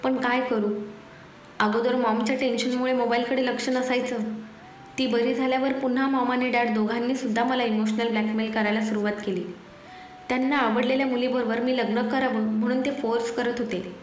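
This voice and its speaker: A loving young fiancé speaks gently and reassuringly, soothing and apologetic, as a woman storyteller voices him. The voice sits fairly high and rings in an echoey room with a faint hiss behind it. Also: level tone, a little fast, lightly acted. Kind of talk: storytelling audiobook dialogue.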